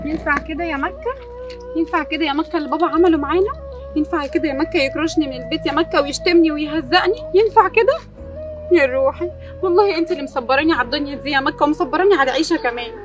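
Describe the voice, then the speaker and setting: A woman's voice: sits high, rapid-fire, music in the background, close to an everyday voice. A woman with an Egyptian accent playing a distraught young mother thrown out by her husband, lamenting tearfully.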